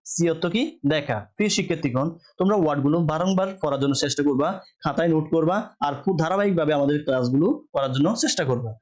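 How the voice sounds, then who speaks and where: A man's voice: a little high, darkish tone. A man teaches English word sounds. He poses each question and answers it himself, spelling letters out and repeating words in a patient classroom rhythm. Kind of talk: spelling-and-pronunciation lesson.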